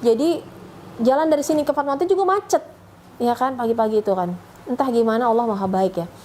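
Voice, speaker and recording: A middle-aged mother shares a faith testimony about her story, emotional and acting out what others said in a raised voice. Her voice is a little high, quick and warm, on a rough recording with a little hiss or hum.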